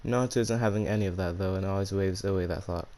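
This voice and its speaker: This YouTube storyteller and channel host narrates fan fiction in a casual, slangy style, and a speech impediment turns his R's into W's. His deep, mellow voice moves fast with a steady tone.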